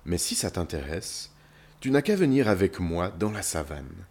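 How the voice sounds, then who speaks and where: A man narrating a guided imaginative story for children, speaking gently and reassuringly to the listener. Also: low voice, very animated, moderate pace, gravelly, husky.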